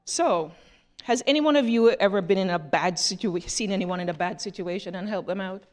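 A woman's voice: medium pitch, a little fast, in a large hall. A woman giving a children's message in church, telling a story, asking the children questions and leading a prayer. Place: church sanctuary.

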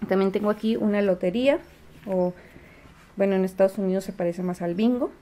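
A woman showing how she teaches her son to read at home, sounding out letters slowly and patiently with frequent fillers. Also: medium pitch, dark tone, a little hiss or hum. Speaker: homeschooling mother. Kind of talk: casual home teaching demonstration. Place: home, at a table.

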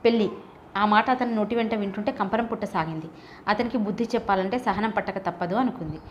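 A woman reading a novel aloud as an audiobook narrator, steady and measured. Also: mid-range voice, muffled recording, a little hiss or hum. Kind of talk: scripted narration.

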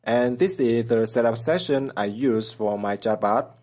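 This tutorial host's voice is medium-pitched and darkish, and he speaks a little slowly as he narrates his screen recording. He goes through the code plainly, step by step, in simple non-native phrasing.

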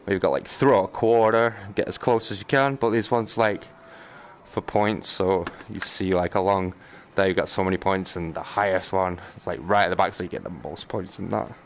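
This gaming streamer has a deep voice, a steady tone, and a moderate pace. He gives casual live game commentary, muttering and exclaiming to himself in a jokey, self-deprecating way, with noticeable background noise and game ambience behind him.

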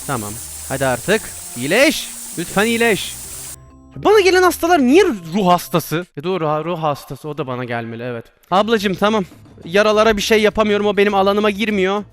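A young-sounding man with a high, very lively voice chatters through a VR game, excitable and quick to exclaim as things go wrong. Faint game music plays under his voice. He talks casually, as if to friends. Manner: excitable, exclaiming and laughing at his own mishaps. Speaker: VR gameplay streamer. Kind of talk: casual gameplay commentary.

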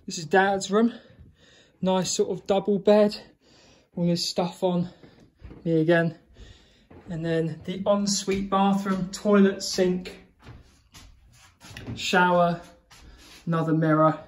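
Holding a phone camera in his hand, a young vlogger walks from room to room giving a chatty, meandering tour of a small holiday cottage, full of fillers and self-corrections. His high voice stays steady and slow with frequent pauses, and slight background noise is audible.

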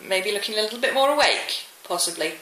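A British woman in her thirties chats casually in a home vlog, her medium-pitched voice animated, quick and sharp, a little wheezy from a cold. She records herself indoors around her home on a handheld phone or camera. The room echoes, with some noise and clicks.

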